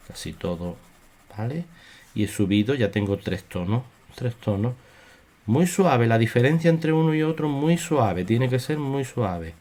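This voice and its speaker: A man teaching a drawing lesson, talking slowly and repeating his instructions calmly. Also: lowish voice. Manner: slow, repetitive, soothing instruction. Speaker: art teacher. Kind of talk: drawing tutorial.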